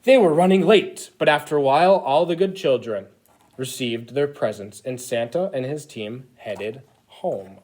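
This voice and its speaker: An eager, childlike Christmas elf played by a man reads a storybook aloud to children. The delivery is exaggerated and expressive, with pitch that swings widely from phrase to phrase. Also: measured pace, a little hiss or hum, close to an everyday voice, rough recording. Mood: eager storytelling. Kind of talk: animated picture-book read-aloud.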